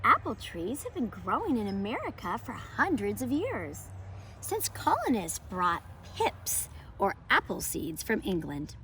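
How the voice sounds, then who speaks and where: At a measured pace, a woman acting as a homeschool teacher leads a children's picture book read-aloud and lesson for little ones. Her voice rises and falls in a lively, storybook manner with emphatic delivery, and faint background noise is audible.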